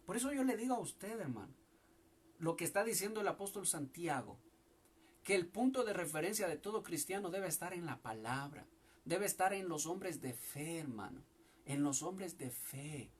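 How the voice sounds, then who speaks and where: A male pastor preaching a home sermon, calling listeners "brother" and swinging between loud emphasis and quiet telling. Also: on the high side, husky. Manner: preaching, repeats "hermano" often, rising and falling loudness.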